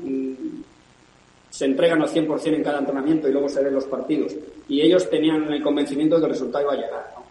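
A man, a football coach, giving measured press-conference remarks with frequent pauses and fillers. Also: fairly high pitch, darkish tone. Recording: echoey room from far off, faint hiss.

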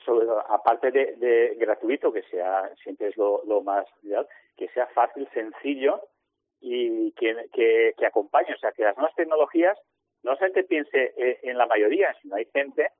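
A male archaeologist interviewed over the phone on the radio, speaking haltingly with frequent restarts. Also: mid-range voice, no room sound. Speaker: municipal archaeologist. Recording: tinny phone line.

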